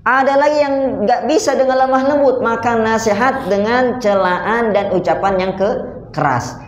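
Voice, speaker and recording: A man's voice: extremely high pitch, normal speed. A man teaching a religious study lecture, speaking to his listeners in a conversational way with rhetorical questions. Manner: addresses listeners directly as "sir". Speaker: Islamic teacher. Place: mosque hall. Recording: roomy, dull lo-fi recording.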